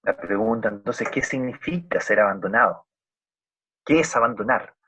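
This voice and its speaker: Husky-voiced Chilean preacher. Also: male voice, fairly low pitch, animated, pushed and bright. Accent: Chilean Spanish. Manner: earnest, emphatic with dramatic pauses. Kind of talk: sermon. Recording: dull lo-fi recording.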